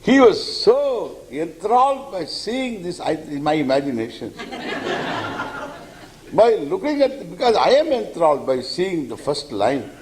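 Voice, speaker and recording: Animated man teaching scripture. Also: fairly high pitch, a little slow, rough recording. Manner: animated storyteller, chuckles often, recites Sanskrit verses. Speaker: spiritual teacher. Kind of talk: lecture on scripture.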